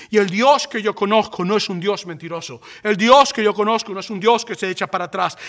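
A male preacher delivers a passionate sermon. His voice sits high for a man and rings bright and forceful. He swells to emphatic peaks. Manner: impassioned, rising to emphatic peaks.

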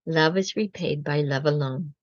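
A Secular Carmelite woman gives a slow, reflective spiritual talk, deliberately quoting prayers and then reflecting on them. Her voice sits low, and the lo-fi recording has no room sound.

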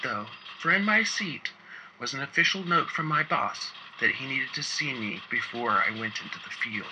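With a mid-range voice against a noisy background, a man tells a wry first-person story about his work as an inspector. He shifts between quick asides and slow, emphatic phrasing.

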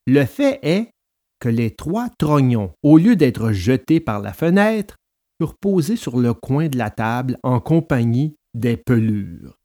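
Lively male storybook narrator. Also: medium pitch, slow pace. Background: soft guitar music.

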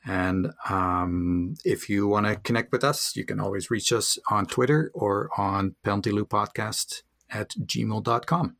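Gravelly low-voiced male podcast host. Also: a bit bright. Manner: easygoing, halting with frequent pauses. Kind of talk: casual podcast chat.

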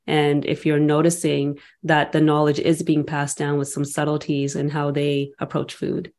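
A woman's voice: sits low, monotone, normal speed, a little mellow. A woman hosting a podcast who affirms her guest and asks reflective questions. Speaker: podcast host. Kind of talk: casual interview.

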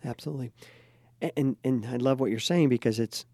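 A man who is a couples therapist and host, chatting casually and telling a client's story with lively acted-out quotes. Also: mid-range voice, fairly quick, no room sound.

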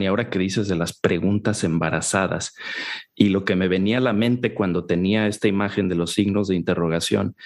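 Thoughtful man with a lowish voice. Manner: thoughtful, explaining ideas at length. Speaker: podcast co-host. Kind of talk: reflective casual conversation.

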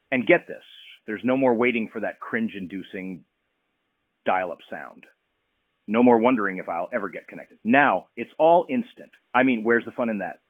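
A man's voice: medium pitch, no room sound. Man voicing a sarcastic clone on a landline phone. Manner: sarcastic, nostalgic. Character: sarcastic male clone, out of touch with the modern world. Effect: answering machine message over a landline phone. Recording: tinny phone-line answering machine.

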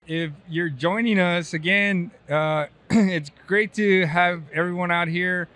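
A man's voice: high-pitched, steady tone, slow pace, fairly bright tone. A man guest-hosting a podcast at a trade show, chatting casually with a guest and joking, often restarting his words. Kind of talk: casual interview chat.

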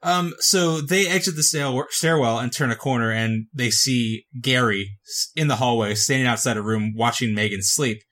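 A man's voice: medium pitch, moderate pace, a bit bright. A man hosting a podcast, recapping a TV movie scene by scene with dry sarcasm. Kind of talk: casual comedic recap.

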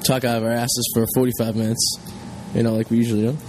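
Fast-talking crude male radio host. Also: medium pitch, flat delivery, noisy background. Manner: crude, joking, opinionated. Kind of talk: casual comedic radio banter.

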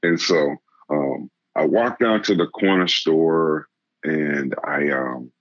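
Man, very low voice, halting storyteller, many restarts, dry dull recording. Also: no echo. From Boston area, Massachusetts. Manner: laughs while telling stories. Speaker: interviewee. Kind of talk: casual storytelling. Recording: dull lo-fi sound.

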